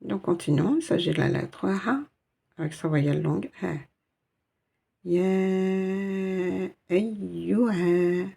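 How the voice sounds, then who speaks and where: A woman's voice: deep voice, very animated, moderate pace, creaky, dark tone, breathy edge. A woman teaching a step-by-step Arabic reading lesson in French, patient and explaining each letter and sound.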